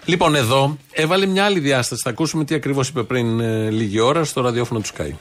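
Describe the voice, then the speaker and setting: A man co-hosting a casual political talk show, mocking and sarcastic as he comments on the news. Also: mid-range voice. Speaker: co-host.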